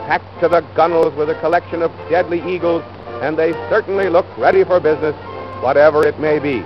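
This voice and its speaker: Old newsreel announcer, bright and upbeat. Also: male voice, a little high. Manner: brisk, upbeat, folksy announcer patter. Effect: old newsreel soundtrack. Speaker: newsreel narrator. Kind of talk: 1930s newsreel narration. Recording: dull lo-fi 1930s film sound with music. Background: music.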